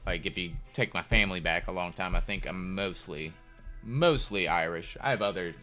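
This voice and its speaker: Laid-back man, bright voice. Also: low voice, normal speed. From United States. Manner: rambling, laid-back, many fillers and restarts. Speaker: chess streamer. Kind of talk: casual live-stream chat. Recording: faint music behind.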